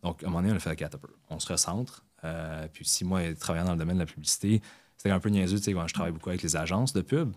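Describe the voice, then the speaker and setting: A Québécois man with a very low voice, answering as a podcast guest. He talks in a relaxed, rambling way, full of fillers and restarts. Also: racing. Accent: Québécois French. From Quebec. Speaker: guest entrepreneur. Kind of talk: casual interview chat.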